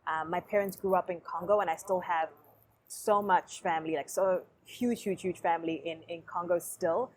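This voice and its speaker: A young woman answers questions on a podcast. Her voice sits a little low, and she speaks in a relaxed, reflective way, with easy fillers as she thinks. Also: normal speed, slight background noise. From South Africa. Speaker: podcast guest. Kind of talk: casual interview conversation.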